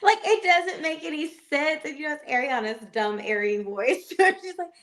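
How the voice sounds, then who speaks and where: A woman co-hosting a podcast in casual chat, talking fast and loose, laughing often and saying "like" a lot. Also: high voice, fairly bright tone. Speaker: podcast co-host.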